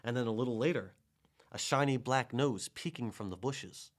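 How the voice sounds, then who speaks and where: A man narrating a children's storybook in a gentle, measured way. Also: mid-range voice. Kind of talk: storybook reading.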